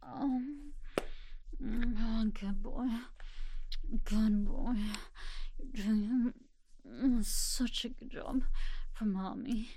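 Soft-voiced woman, slow and whispery. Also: mid-range voice, fairly even intonation, rough recording. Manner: soft, doting, often whispering. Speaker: audio roleplay performer. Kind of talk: intimate whispered audio roleplay.

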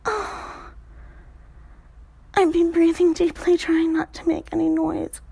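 A young adult woman telling an intimate story in a soft, breathy whisper, broken up by sighs. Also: very high voice, completely flat delivery, moderate pace, dry recording.

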